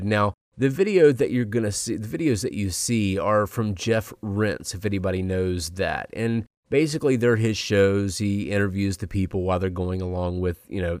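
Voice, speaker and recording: Guy hosting a casual talk show, lowish voice, chatty, totally dry sound. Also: a little mellow, dry recording. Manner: conversational, addresses listeners directly.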